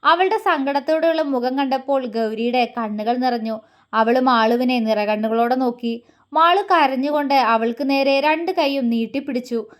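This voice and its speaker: A woman with a high voice narrates a dramatic romantic story. Her reading is emotive and expressive, keeping the scenes flowing as a storyteller. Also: normal speed.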